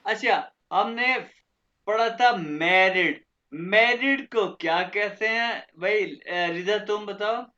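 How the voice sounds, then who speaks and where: A man teaching German vocabulary in an online lesson, repeating each word slowly and often checking that students follow. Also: sits high, pushed and bright, dull audio.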